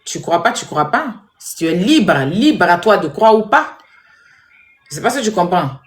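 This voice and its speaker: Animated scolding woman in an echoey room. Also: on the low side, moderate pace. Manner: animated, scolding, repetitive, addresses viewers directly. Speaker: social media commentator. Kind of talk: casual commentary to viewers.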